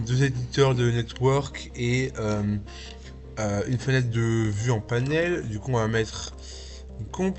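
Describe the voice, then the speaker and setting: A man in his thirties with a slight lisp, giving a casual, step-by-step software tutorial and thinking aloud. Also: medium pitch. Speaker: tutorial host, video artist and VJ. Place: small indoor home studio.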